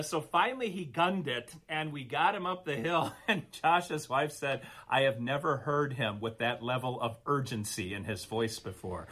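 A man co-hosting a podcast, telling a long story in a casual, animated, rambling way. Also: a little high. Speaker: podcast co-host.

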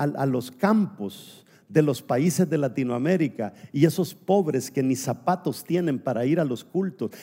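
A man's voice: a little high, dark tone, long reverb tail. A man preaching a sermon as pastor, asking the congregation rhetorical questions and acting out the quotes he tells. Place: US church sanctuary.

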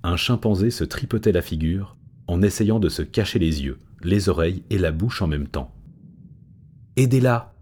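Deep-voiced man reading a storybook. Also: normal speed, a little mellow, breathy edge. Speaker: narrator. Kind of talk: audiobook narration.

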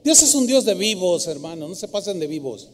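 A man with a Mexican accent preaching a sermon in an animated, humorous and scolding manner. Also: sits high, brisk, big-room sound, a little hiss or hum. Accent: Mexican Spanish. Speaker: pastor. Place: church.

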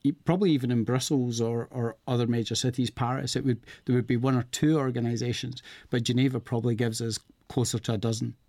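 A man's voice: mid-range voice, steady tone, quick pace, few pauses, darkish tone, dry recording. A man with a mid-range voice who speaks as an interview guest. His delivery is conversational, with occasional restarts as he explains. The studio recording is dry and close. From Scotland. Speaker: guest, head of external relations. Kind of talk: interview answers. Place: radio studio.

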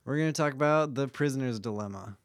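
A relaxed young man hosting a podcast and talking through an idea with a buddy, loose and jokey and full of asides. His voice sits at a middle pitch and sounds dry and close to the mic, with hardly any room around it. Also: no echo. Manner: laid-back, joking, quick asides. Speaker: podcast host. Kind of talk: casual explainer chat.

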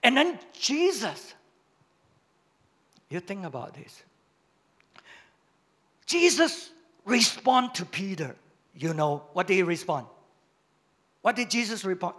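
A man preaches a sermon in a fairly high, bright voice. He speaks slowly and deliberately, pressing hard on key phrases before dropping to quiet, low asides. His delivery is emphatic and dramatic throughout. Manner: preaching with big swings of volume and emphasis. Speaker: pastor.

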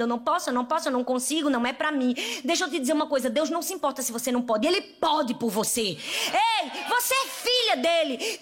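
A woman with a Northeastern Brazilian accent preaching a sermon to women, fervent and lively, calling out to her listeners and telling stories with laughter. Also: very high-pitched. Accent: Northeastern Brazilian Portuguese. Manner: fervent, addresses the audience directly with repeated calls.

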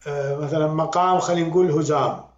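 An Iraqi man who talks quickly and animatedly, his voice sitting a little high. He speaks as a critic who repeats words for emphasis. The recording is roomy and echoey, with a dull, lo-fi sound. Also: steady tone. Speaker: music critic and guest. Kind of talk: conversational critique.

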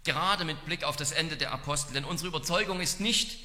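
Male preacher, earnest and measured, very bright tone, long hall echo. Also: a little high. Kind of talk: expository sermon.

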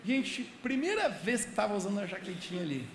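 Preaching at a church service in a large hall, a young man tells his sermon as a chatty story and often turns to address the congregation. His voice sits high with big pitch swings and runs a little fast, and the echoey recording has a faint hiss.

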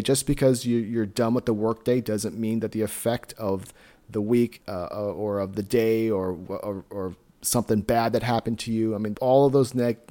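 Middle aged guy doing a solo podcast, lowish voice, earnest and encouraging, just chatting. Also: darkish tone. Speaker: podcast host and tango teacher. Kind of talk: casual solo podcast talk.

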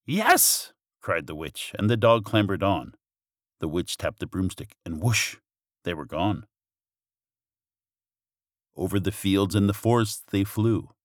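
A man with a low voice reads a rhyming bedtime storybook gently and rhythmically. He sounds close and dry, with no room around him. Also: unhurried, long pauses, dry recording.

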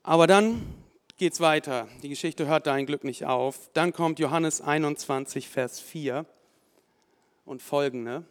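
A fairly high-voiced man preaching with lively emphasis. He acts out the thoughts of the people in the story. His voice rings with a long reverb, as in a church hall. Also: a little slow. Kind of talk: sermon.

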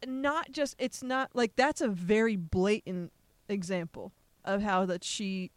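A woman's voice: medium pitch, measured pace, no room sound. A woman hosting a casual podcast, chatty and sarcastic. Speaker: podcast host.

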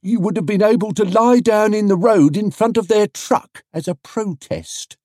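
A man's voice: sits high, moderate pace, darkish tone, dry recording, studio quality, voice pushed up. A man voicing chatty male market traders in a storybook, folksy, emphatic and full of advice. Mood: excited, opinionated.

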